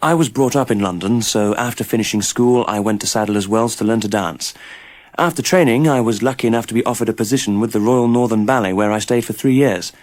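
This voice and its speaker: A man reading the part of a modest, grateful male choreographer in a scripted exam monologue, plain and even. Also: on the low side, fairly quick, lightly acted.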